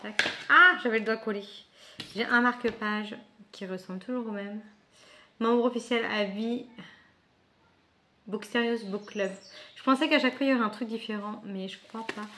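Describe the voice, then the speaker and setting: A woman's voice: a little high, moderate pace, long pauses, pushed and bright, slight background noise. A woman vlogging casually as she unboxes a book subscription box, chatty and thinking aloud with frequent asides.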